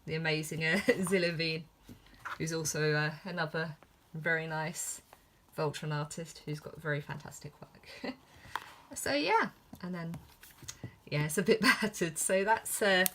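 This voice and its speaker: Slow, lowish-voiced woman with a lisp. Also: fairly bright tone, a little hiss or hum. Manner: giggly, self-deprecating, hesitant. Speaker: artist showing a sketchbook. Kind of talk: casual vlog commentary. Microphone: filmed on iPhone.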